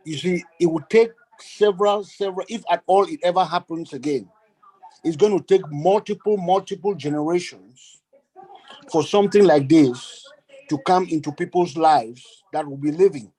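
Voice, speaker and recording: A fairly high-voiced man from Cameroon speaks over a video call. He talks earnestly and with emphasis, circling back to repeat his words as he builds his point. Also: normal speed, mellow, breathy edge, poor audio. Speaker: guest speaker. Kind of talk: online meeting remarks.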